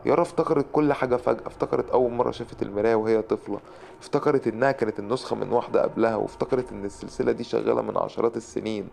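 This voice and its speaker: A man with an Egyptian accent narrating a scripted horror story with brisk, dramatic delivery. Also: mid-range voice, fairly even intonation, creaky, a little mellow, a little hiss or hum. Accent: Egyptian Arabic.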